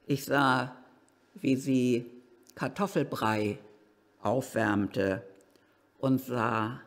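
A man giving a live first-person literary reading, slow and expressive with excited outbursts, in an old gatehouse. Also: mid-range voice. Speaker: reader. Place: old gatehouse at a historic cemetery. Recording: reverberant hall.

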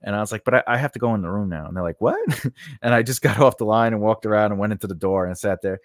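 This man hosts an informal screenwriting lesson from a small home studio, talking very fast in a fairly low voice. He rambles conversationally, sprinkling in "you know" and "right?", and the sound is dry and echo-free from a close boom-mounted large condenser mic.

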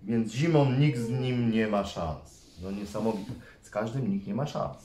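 A man's voice: lowish voice, a little slow, mellow, a little hiss or hum. A man, a father hosting a toy unboxing video with his son, who talks to viewers and builds suspense with playful energy. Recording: echoey room.

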